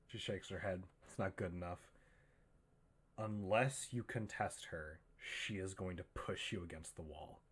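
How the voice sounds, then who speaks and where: A man narrating a tabletop horror game as game master, in a measured, suspenseful way. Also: low-pitched, breathy edge.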